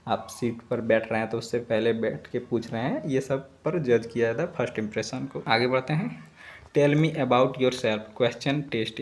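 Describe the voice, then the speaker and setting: A young man tutoring students, reading English quiz questions aloud slowly and explaining each answer. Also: medium pitch, a little mellow. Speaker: exam prep tutor.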